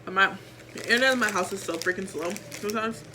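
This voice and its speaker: Chatty teenage girl with a bright voice. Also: medium pitch, fast, slight background noise. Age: teens. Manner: rambling, chatty, self-mocking. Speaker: vlogger. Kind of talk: casual chat. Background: faint background music.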